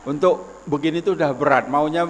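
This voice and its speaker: A man's voice: fairly high pitch, brisk. Older man, 60s, folksy lecturing preacher; reverberant hall, faint hum. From West Sumatra, Indonesia. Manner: explanatory, folksy with personal anecdotes. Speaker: Islamic preacher. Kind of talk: religious lecture.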